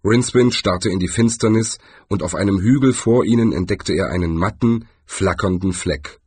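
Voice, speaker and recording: A man narrating an audiobook in a calm, measured reading. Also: low-pitched, breathy edge, no room sound.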